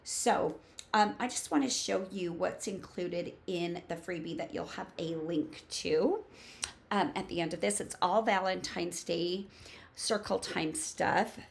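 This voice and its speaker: Woman in her fifties, gravelly creak, slightly low pitch, emphatic teaching coach, casual instructional talk. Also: measured pace. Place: small home room with bookshelves.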